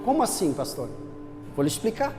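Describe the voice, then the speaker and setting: Animated Brazilian male preacher; reverberant church with faint music behind. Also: high voice, a little fast. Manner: animated preaching, acts out voices, rhetorical questions. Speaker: pastor. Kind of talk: sermon.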